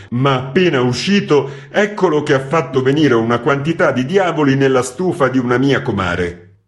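A man voicing a contrite, talkative male typesetter who rambles and pleads loudly. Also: medium pitch, pitched above the performer's own voice, lightly acted.

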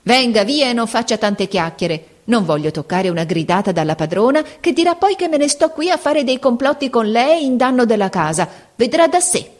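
A woman's voice: medium pitch, sing-song, normal speed, hardly any pauses. A woman reading aloud, voicing a curt, imperious female household servant who scolds and hurries a girl along. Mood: bossy.

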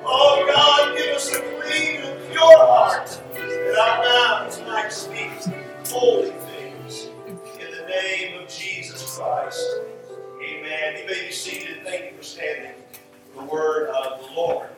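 A man preaches a sermon, teaching from scripture emphatically and repeating phrases for stress. His voice is high-pitched and he takes it slowly. The recording comes from a distant mic in a roomy, echoing hall, with music present.

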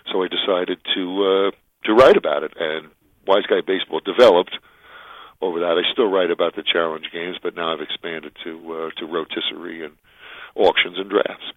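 Deep-voiced man on a thin phone line. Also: no room sound. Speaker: interview guest, fantasy baseball writer. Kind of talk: casual interview storytelling. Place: phone interview. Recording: thin narrow telephone line.

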